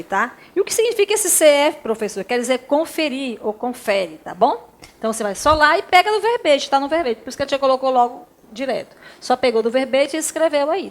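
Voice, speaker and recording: A woman from Brazil teaching a recorded lesson to primary school pupils, patient and affectionate, often checking in with her class. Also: fairly high pitch.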